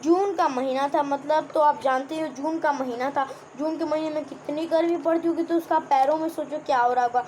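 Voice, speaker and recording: High-pitched young woman teacher going through a kids story, keeps asking the class stuff, bit of hiss behind. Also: fairly even intonation, brisk, hardly any pauses, a little mellow. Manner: repeats and explains words, asks the class questions. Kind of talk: explaining a children's textbook chapter.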